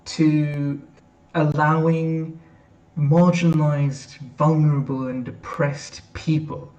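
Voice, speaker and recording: A man giving an earnest prepared tribute as a member of an editorial board, pausing on "um" fillers. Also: fairly high pitch, a little mellow. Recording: echoey room, mic far off.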